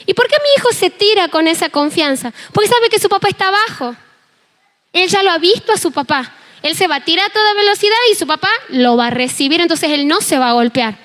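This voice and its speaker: A young woman with an Argentine accent, preaching a sermon and telling a personal testimony in an animated, storytelling way. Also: extremely high pitch, fairly quick. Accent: Argentine Spanish. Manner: animated storytelling, acting out dialogue. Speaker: preacher and worship team member.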